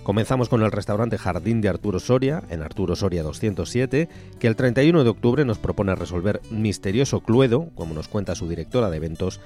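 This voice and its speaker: A man reads a cultural events roundup in a brisk, lively scripted delivery. His voice sits low, and a faint guitar plays behind him. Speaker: radio cultural agenda presenter. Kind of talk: scripted news reading.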